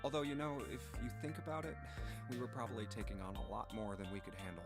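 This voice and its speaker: A man's voice: mid-range voice, expressive, quick pace, over loud music, natural voice. A man voicing an earnest young man in a video game who recalls events with a childhood friend.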